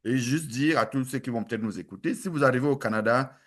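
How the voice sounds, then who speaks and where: A man's voice: medium pitch, fast, fairly bright tone. A man from Cameroon, a guest in a casual interview, earnest and often repeating words as he searches for them. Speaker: guest, president of an engineers' network.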